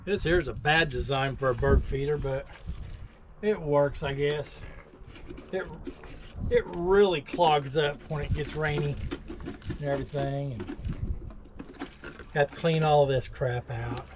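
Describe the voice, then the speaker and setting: A man's voice: measured pace, pauses often. Grumpy older man, noisy recording. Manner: grumpy, folksy muttering. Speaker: vlogger filling bird feeders. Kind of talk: casual talk to self while doing chores. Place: outdoors in a yard. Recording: noisy outdoor recording with loud rumble.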